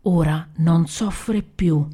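A woman's voice: mid-range voice, expressive, normal speed, dark tone, natural voice. A woman voicing a worn, grieving young father who speaks in harsh outbursts in a storybook reading.

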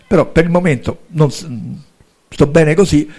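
A man's voice: on the high side, fairly even intonation, normal speed, a little mellow, voice pushed up, natural voice. A man voicing a feisty young princess in a told fairy tale, speaking in indignant, snappy outbursts.

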